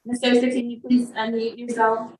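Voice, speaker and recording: A woman's voice: a little high, monotone, moderate pace, a little mellow, a little hiss or hum. A woman presiding as a judge, formally putting procedural questions in a polite, formulaic way. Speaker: judge presiding over court. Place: remote court hearing, indoor room. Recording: echoey room sound.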